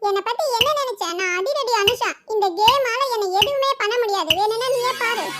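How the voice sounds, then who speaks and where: Anusha, a squeaky boastful girl doll. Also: a little fast, loud music behind the voice. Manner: boastful, brash. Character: bold boastful girl doll, fearless show-off. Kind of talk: doll story voice acting.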